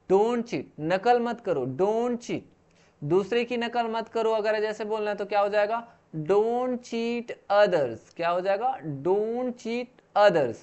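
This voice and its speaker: Slow, clear man teaching English. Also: high-pitched. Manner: says each English phrase slowly, then explains it in Hindi. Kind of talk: spoken English lesson.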